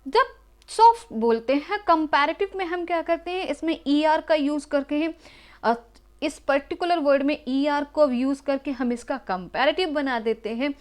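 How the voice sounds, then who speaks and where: A woman's voice: high voice, a little mellow. A young woman with an Indian English accent teaching grammar in a recorded online lesson, asking questions and then answering them herself as she explains. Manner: slow, explanatory, asks and answers own questions.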